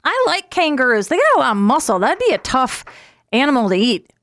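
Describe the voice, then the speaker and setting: A woman's voice: high voice, big pitch swings, a little fast, fairly bright tone, no room sound, studio quality. A woman co-hosting a radio show, chatting casually and reading listener texts aloud. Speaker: radio co-host. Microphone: studio microphone.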